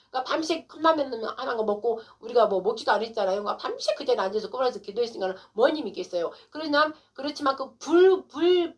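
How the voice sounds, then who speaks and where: A middle-aged woman pastor telling an emotional testimony in a sermon, acting out her own prayers and arguments. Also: fairly high pitch.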